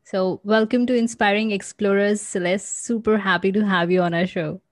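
A woman's voice: mid-range voice, fairly even intonation, moderate pace, no room sound, faint music behind. A woman hosting a podcast, reading an upbeat scripted intro and then chatting with her guest. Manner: upbeat and promotional, with "uh" fillers when unscripted. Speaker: podcast host.

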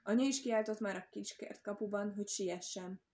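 Woman reading a children's story. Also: medium pitch. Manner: expressive, lively.

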